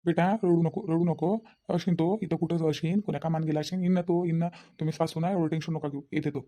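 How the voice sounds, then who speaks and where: A man voicing a fast-talking scolding village father-in-law. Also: on the high side, fairly even intonation, warm tone, close to an everyday voice. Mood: lecturing. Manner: lecturing, reproachful. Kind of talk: cartoon voice acting.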